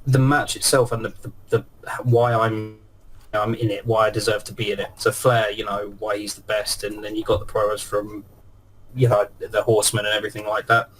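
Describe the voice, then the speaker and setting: A man's voice: fairly low pitch, level tone, brisk, poor audio. A man co-hosting a casual wrestling podcast over an online call, talking in a conversational, reflective way. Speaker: podcast co-host.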